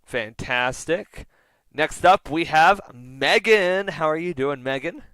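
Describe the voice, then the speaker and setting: A man's voice: fairly high pitch, animated, takes it slowly, bright, forceful tone, smooth, dry recording, rough recording. A man hosting a casual podcast chat, introducing his co-hosts with playful, teasing asides. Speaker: podcast host.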